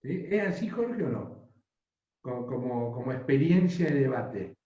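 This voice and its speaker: A man's voice: medium pitch, animated, a little slow, warm tone. A man teaching a voice workshop, often checking with the class. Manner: instructive, asks the class frequent yes-or-no checks. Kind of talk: voice and speaking workshop. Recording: distant mic in an echoey, dull-sounding room.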